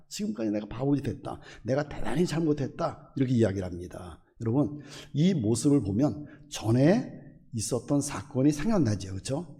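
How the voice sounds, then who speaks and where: A male pastor delivers a sermon with a lively, rising-and-falling delivery. He keeps turning to the congregation with questions. His voice is mellow and rings with long reverb in the hall. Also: medium pitch. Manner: expressive preaching, voices the quoted characters, asks the congregation questions.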